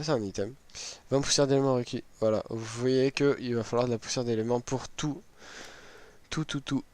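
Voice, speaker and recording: A man with a hoarse, worn-out, sick-sounding voice, giving a casual, hesitant walkthrough as a gaming video host. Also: medium pitch. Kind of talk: casual game item walkthrough.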